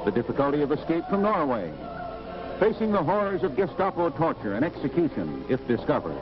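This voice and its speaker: Man narrating an old newsreel, slightly high voice, formal and declamatory, dull lo-fi sound. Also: big pitch swings, fairly quick. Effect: old newsreel recording. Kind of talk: scripted documentary narration. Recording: dull lo-fi 1940s newsreel audio with music. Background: music score.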